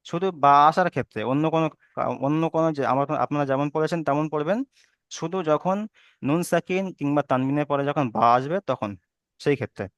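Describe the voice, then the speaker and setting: A man's voice: a little high, fast, no room sound, lo-fi sound. A man teaching Quran recitation rules online, patiently repeating each rule and checking that students understand. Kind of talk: online tajweed lesson.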